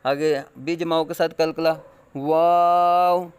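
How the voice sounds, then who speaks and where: A man with a Pakistani Urdu accent teaches Quran recitation in a very smooth, resonant voice that sits a little high. He drills letters and words slowly and with emphasis, then drops into quick, lower explanations of each rule. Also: steady tone, dry recording. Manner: spells letters slowly and loudly, then explains in a rapid low voice.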